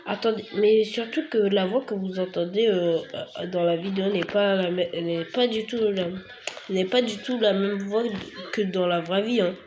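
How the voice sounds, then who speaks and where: A woman giving casual commentary while playing a video game, chatting to viewers and breaking into sudden high squeals of excitement. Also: normal speed, poor audio. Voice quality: recording makes voice slightly higher. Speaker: gaming video creator.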